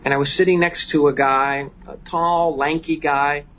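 A man's voice: a little high, normal speed. Male guest, storyteller type, lots of ums and restarts, dull lo-fi sound with faint hiss. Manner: animated anecdote telling with many fillers and restarts. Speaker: guest, diamond business owner. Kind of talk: storytelling in an interview.

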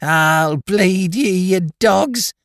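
A man voicing a drunken, vicious boy pirate with a shrill, cursing voice. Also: drawn-out words, vocal fry, fairly bright tone, no room sound, studio quality, full character voice. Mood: drunken threatening.

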